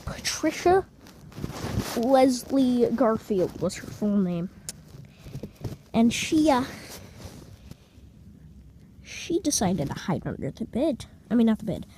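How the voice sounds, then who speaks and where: A woman telling an improvised comic story in a rambling, deadpan way. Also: a little high, measured pace, pauses often, noisy background.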